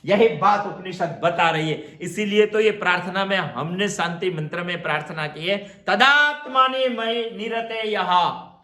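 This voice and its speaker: A man giving a slow spiritual discourse on scripture, repeating his phrases for emphasis and chanting verses. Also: sits high, a bit bright, reverberant. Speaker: Upanishad teacher.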